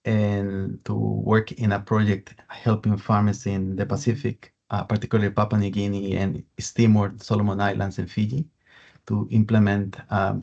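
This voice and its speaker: Gravelly Costa Rican man on a webinar. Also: lowish voice, mellow. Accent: Costa Rican Spanish. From Costa Rica. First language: Spanish. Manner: earnest, with repeated words and restarts. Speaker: sustainability lead at a coffee importer. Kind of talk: webinar panel introduction. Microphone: video call. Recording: dull lo-fi video call audio.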